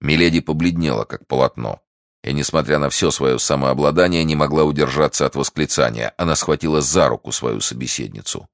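A man reading a classic novel aloud in a measured, even way. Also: rumbling low, dry recording, clean studio sound. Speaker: audiobook reader.

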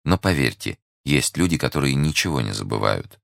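A secretive young woman, read by a deep-voiced man in a quiet, urgent tone. The deep gravelly voice stays soft and close, with no room sound. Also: animated, brisk, dry recording, full character voice. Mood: guarded. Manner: hushed, urgent, guarded.

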